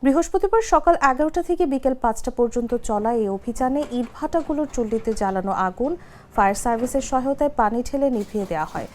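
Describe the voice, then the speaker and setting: A woman reading a scripted news report in a formal, even voice-over. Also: fairly high pitch, fast talker, slight background noise. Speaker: news reader.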